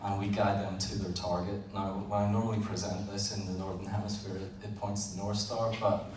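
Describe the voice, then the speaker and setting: Addressing an audience in a big hall, a Northern Irish engineer speaks in a low, flat voice that barely changes pitch, his plain delivery a little halting with frequent "uh"s and repeated words. He is far from the mic, and the distant, roomy event recording clearly picks up echo and background noise.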